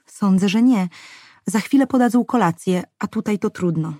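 A woman voicing a quiet, serious young woman who speaks calmly and gravely. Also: mid-range voice, moderate pace, no room sound, clean studio sound, pitched above the performer's own voice, natural voice. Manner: calm and grave.

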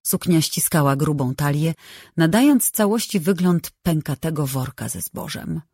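An audiobook narrator reading a novel in a measured, even way on a close microphone. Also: mid-range voice, breathy edge, no echo.

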